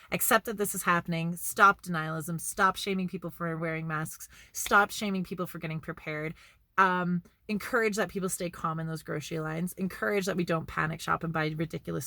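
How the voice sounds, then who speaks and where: A woman's voice: on the low side, gravelly, sharp tone, no echo, studio quality. A woman from Canada talking in a casual vlog monologue, blunt and emphatic, swearing freely and repeating words for emphasis. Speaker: vlogger.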